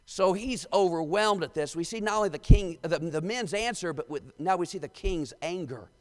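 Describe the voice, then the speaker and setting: A man's voice: high-pitched, moderate pace. A male pastor with a Midwestern American accent, preaching a sermon and reading scripture aloud with emphasis. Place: church sanctuary. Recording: long church hall reverb.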